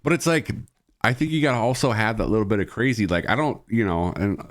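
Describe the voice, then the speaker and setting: A man's voice: lowish voice, lively intonation, fast. A man hosting his own stream, chatting casually, rambling and swearing with frequent laughter. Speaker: streamer host. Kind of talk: casual chat.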